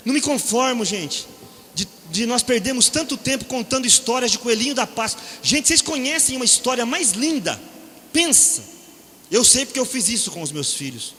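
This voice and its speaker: A middle-aged man with a Brazilian Portuguese accent preaches in a lively storytelling style, joking and acting out voices as he goes. His voice sits high and rings bright. The sound carries a long hall reverb. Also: moderate pace, a little hiss or hum. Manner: animated, jokes and acts out quoted voices, keeps asking "né?". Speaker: preacher at a deliverance seminar. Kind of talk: humorous storytelling sermon. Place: church or seminar hall. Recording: echoey hall.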